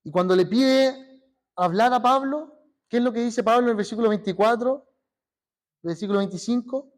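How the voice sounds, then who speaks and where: A man's voice: very high voice, normal speed. A man with a Chilean accent preaching a sermon as pastor, earnest, often asking his listeners rhetorical questions and acting out short quotes. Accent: Chilean Spanish. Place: church.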